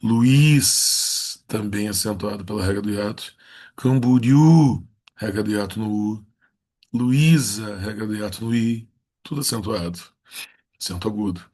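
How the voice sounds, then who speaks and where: In a recorded lesson, a man teaches Portuguese rules, drawing out each example word slowly before stating the rule flatly. His voice is lowish and slightly rough.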